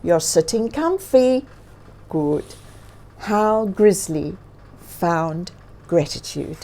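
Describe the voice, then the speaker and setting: A woman with a lowish voice hosts a children's story read-aloud, drawing out her words. She's expressive and encouraging and often asks the listeners questions.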